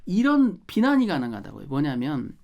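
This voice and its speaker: A woman's voice: deep voice, huge pitch swings, normal speed, creaky, darkish tone. A woman speaking as a guest lawyer on a talk show, explaining emphatically and firing off rhetorical questions.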